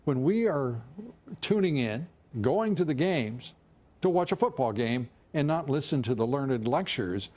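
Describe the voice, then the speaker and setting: An older male TV news host who leads a panel and pauses often with fillers. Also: medium pitch, expressive, darkish tone. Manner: hesitant with many fillers. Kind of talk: cable news anchor segment.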